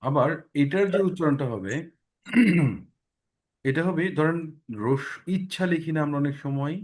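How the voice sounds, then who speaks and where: A man's voice: on the high side, measured pace, a little mellow. Man, pronunciation teacher, online class, repeats sounds, checks in often. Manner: explains patiently, repeating sounds many times and checking in with "ঠিক আছে?".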